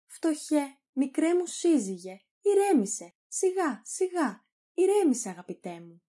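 A woman's voice: high voice, sing-song, warm tone, voice pushed up. A woman voicing a greedy wife who coos over her husband. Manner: cooing, sugary. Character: greedy, falsely sweet young wife.

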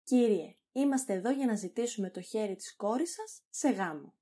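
A pompous old quack doctor who blusters through every answer, as a woman reads his lines. The voice is husky and mellow with a lively pitch.

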